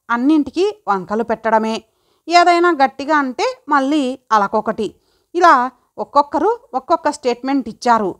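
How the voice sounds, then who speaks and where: A woman narrating a first-person audio story in a lively, chatty way. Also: sits high.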